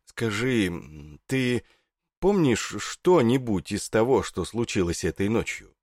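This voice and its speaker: Lady putting on a low gruff stepdad, firm and barky, swings up and down a lot, dry sound. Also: very animated, slow, darkish tone, dry recording, heavily acted. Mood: strained, coaxing. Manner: firm, pleading, barking commands. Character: stern middle-aged stepfather, strained. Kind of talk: audiobook character voice.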